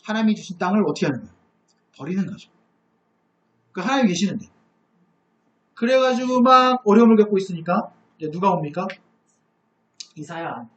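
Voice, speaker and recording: A high-pitched male Bible teacher tells the story in a lively way, asking the room question after question. The recording is dull and lo-fi, with plenty of echo from a lecture room. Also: fairly quick, long pauses. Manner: animated storyteller who asks rhetorical questions.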